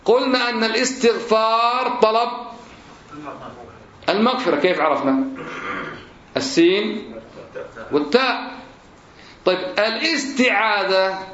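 A man's voice: sits high, fairly bright tone. A man teaching a class and drilling verb forms through questions. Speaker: religion teacher. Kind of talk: classroom lesson. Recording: roomy, dull lo-fi recording.

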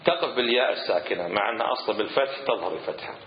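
A man teaching a grammar class. He explains patiently and reads word lists in a measured cadence. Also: fairly low pitch, a little hiss or hum. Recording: echoey hall, dull lo-fi sound.

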